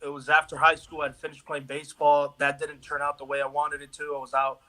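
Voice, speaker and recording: A man being interviewed over a video call tells his life story in a loose, casual way. His voice is a little higher than most men's and bright in tone. He is from Miami. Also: monotone, fairly quick, rough recording. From Miami, USA. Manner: easygoing storyteller, uses "bro" and "dude". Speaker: guest actor.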